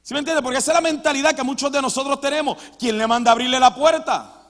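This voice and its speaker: A male pastor preaching a sermon, emphatic, moving between loud stresses and quiet passages. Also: very high voice, quick pace. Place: church hall. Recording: church hall reverb.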